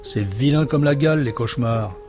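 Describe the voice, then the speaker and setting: A man voicing a young boy, bold but easily frightened, speaking high and excited in a storybook reading with music behind. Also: normal speed, natural voice.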